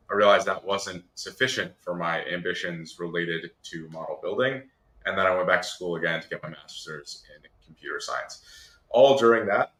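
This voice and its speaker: A man's voice: sits low, pushed and bright. A man giving conversational, explanatory interview answers as a podcast guest, in long structured stretches. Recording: roomy, echoey sound.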